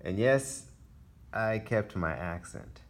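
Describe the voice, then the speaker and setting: Talking through the photographs in his exhibition, a man from Kenya keeps the gallery talk relaxed, his Kenyan-accented voice very low and slow. Now and then he halts, filling gaps with fillers and quiet little laughs.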